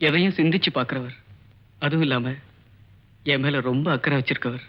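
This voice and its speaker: A man's voice: medium pitch, brisk, natural voice. An actor playing a wronged young male lecturer who pleads his innocence earnestly and solemnly repeats his points. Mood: pleading. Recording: dull old film soundtrack.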